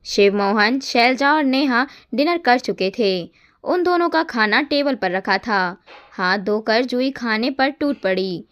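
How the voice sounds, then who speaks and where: Slow, calm woman storyteller. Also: on the high side, highs cut off. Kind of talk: scripted family-story narration.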